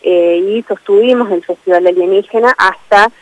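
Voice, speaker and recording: A woman with an Argentine accent, a tourism official answering questions in a radio interview, speaking in a measured way with many fillers. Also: mid-range voice, no echo, low-quality recording. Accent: Argentine Spanish.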